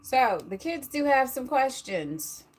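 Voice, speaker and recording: A woman's voice: high voice, very animated, slow pace. A woman hosting a live stream before a guided meditation, greeting viewers by name in a casual, friendly way. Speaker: livestream host and sound bath guide.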